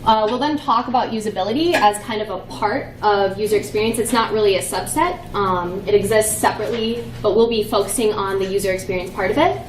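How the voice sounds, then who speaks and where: Talking fast with few pauses, the presenter keeps her medium-pitched delivery playful and loaded with fillers. She's a young woman at a conference, captured from a distance in an echoey room with slight background noise.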